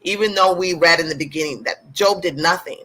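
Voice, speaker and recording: A man's voice: fairly high pitch, a little fast, bright, forceful tone, poor audio. A man hosting a live talk, reading scripture aloud and commenting on it with irreverent sarcasm and cursing. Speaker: host.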